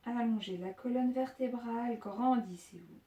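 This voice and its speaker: A woman fitness instructor guiding a Pilates class, calmly cueing each breath, with joking asides now and then. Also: on the high side, moderate pace. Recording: echoey room, voice from far off.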